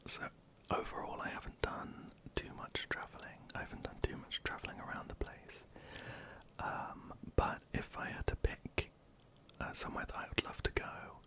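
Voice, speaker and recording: An ASMR creator, whispering softly and hesitantly while answering viewer questions into a close microphone. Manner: soft, hesitant, many ums and restarts.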